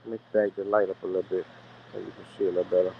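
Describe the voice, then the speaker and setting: A man in a casual car chat, easygoing and halting, often restarting his words. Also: low-pitched, flat delivery, vocal fry, lo-fi sound, a little hiss or hum.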